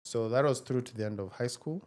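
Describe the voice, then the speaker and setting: A man in his forties, speaking as an interview guest in a measured, reflective way with frequent hesitations. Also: mid-range voice, a little mellow. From Kenya. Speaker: guest, tech founder. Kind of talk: casual interview conversation.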